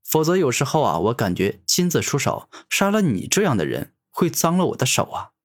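A man voicing a cocky young male hero who taunts his enemy, with a husky voice. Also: lowish voice, very animated, moderate pace. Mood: mocking. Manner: taunting, sneering.

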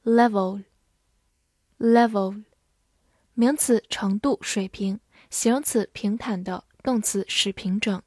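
A woman English teacher reading a vocabulary drill, saying each word twice in a measured way before giving its meanings. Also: medium pitch, steady tone, darkish tone, husky, no echo, clean studio sound.

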